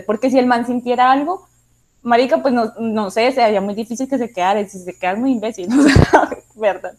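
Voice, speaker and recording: A woman's voice: mid-range voice, low-quality recording. A young woman with a Colombian accent giving blunt opinions in casual chat. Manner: frank, blunt opinions with slang.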